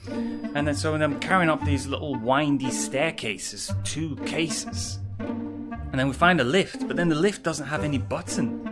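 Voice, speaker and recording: A man's voice: on the high side, unhurried, over loud music. A British man filming a travel vlog, complaining with exasperated, mocking remarks as he walks through a hotel and city streets. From United Kingdom. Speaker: vlogger.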